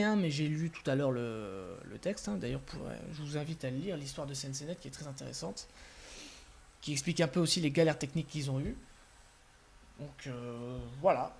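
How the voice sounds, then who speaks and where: A man's voice: fairly high pitch, vocal fry, a little mellow, a little hiss or hum. Keen, stumbling man with a raised voice. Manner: hesitant, many filler sounds and restarts; enthusiastic. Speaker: gaming video host. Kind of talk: casual screen-recorded software walkthrough.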